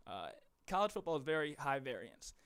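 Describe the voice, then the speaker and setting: A man's voice: a little high, very animated, fairly quick, fairly bright tone, clear, resonant tone. A man giving sports betting picks on a live stream, casual and rambling with lots of fillers, a little out of breath.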